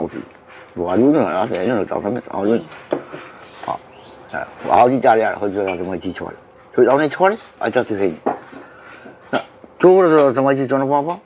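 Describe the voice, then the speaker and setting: Rambling man on a dull recording. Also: mid-range voice. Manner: rambling and halting, many fillers and profanity. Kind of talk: casual rambling storytelling. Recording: dull recording with faint background noise.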